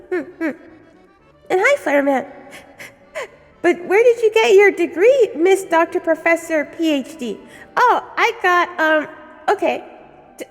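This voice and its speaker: Very high-voiced woman in a cave echo. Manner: giggly, rambling, stumbles over words. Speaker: livestream host. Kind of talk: casual chat with viewers. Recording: long echoing cave reverb.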